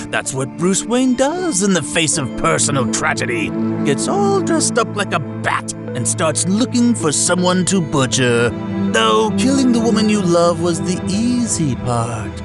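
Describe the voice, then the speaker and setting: A man's voice: sits high, exaggerated voice. A man playing a gleefully menacing, obsessive clown supervillain in an audio drama, theatrical and taunting. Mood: taunting, gloating. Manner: theatrical, taunting, wildly swooping delivery.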